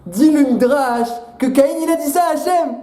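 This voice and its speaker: A man who is a rabbi, giving a Torah sermon with rhetorical questions and animated retellings of midrash. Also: extremely high pitch, moderate pace, reverberant. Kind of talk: Torah sermon in French with Hebrew terms.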